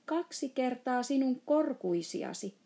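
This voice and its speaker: A woman's voice: mid-range voice, expressive, warm tone, lightly acted. A woman voicing a curious, earnest little girl in a storybook reading. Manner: questioning, earnest.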